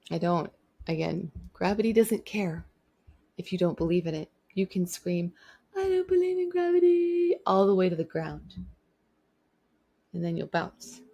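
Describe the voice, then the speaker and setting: Here a woman vlogger delivers a forceful opinion piece straight to camera, hammering home her points through repetition. She has a fairly low, slightly mellow, creaky voice, holds a steady tone, and moves at a measured pace broken by long pauses.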